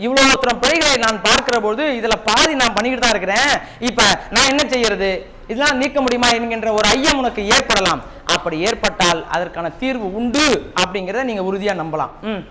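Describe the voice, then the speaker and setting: Speaking in an extremely high, brisk voice, a man teaches a Tamil class with a Tamil Nadu accent. He repeats key points and quizzes his students, and the classroom recording is noisy.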